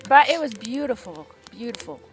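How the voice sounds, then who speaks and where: A woman's voice: on the high side, sing-song, moderate pace. Woman hiker, casual and self-deprecating, music audible underneath. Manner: laughing, self-deprecating, chatty. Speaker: hiking companion being interviewed. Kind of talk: casual on-camera chat. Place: outdoors on a mountain trail.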